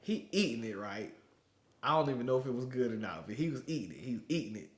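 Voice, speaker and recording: A man's voice: mid-range voice, sing-song, quick pace. A man who served as a Marine, an interview guest telling stories casually and animatedly, laughing often. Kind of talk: casual storytelling. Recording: roomy echo.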